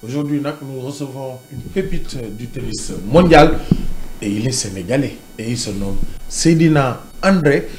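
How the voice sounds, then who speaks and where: A man with a Senegalese accent hosting a video interview, lively and mixing in Wolof greetings. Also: mid-range voice, normal speed, crowd noise. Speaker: interviewer host.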